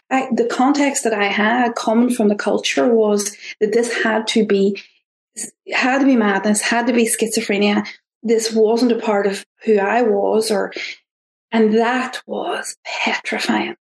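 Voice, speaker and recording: A woman with an Irish accent, a podcast guest talking in an earnest, halting way with frequent restarts. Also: mid-range voice. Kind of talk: reflective interview talk. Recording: roomy echo.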